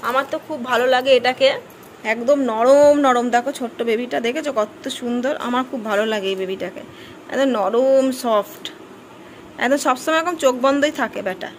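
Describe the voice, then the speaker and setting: Young mother vlogging at home, high voice, chatty, teasing, scolding, faint background noise. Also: moderate pace. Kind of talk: casual family vlog, talking to her child and viewers.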